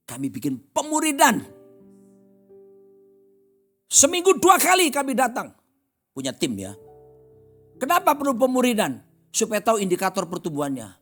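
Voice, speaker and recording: Animated male pastor preaching over guitar. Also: a little high. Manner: animated storytelling, acts out voices in dialogue. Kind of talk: sermon.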